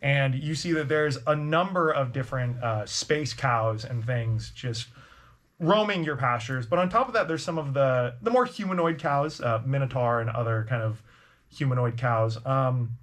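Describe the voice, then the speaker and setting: A man's voice: a little high, a bit bright. A man narrating as game master of a tabletop game, in loose, rambling speech full of fillers.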